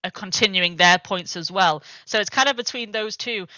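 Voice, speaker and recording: A woman doing play-by-play for a live esports match, excitable, with lots of "um"s in her analysis. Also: mid-range voice, normal speed, no echo. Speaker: esports caster. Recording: dry, dull lo-fi mic.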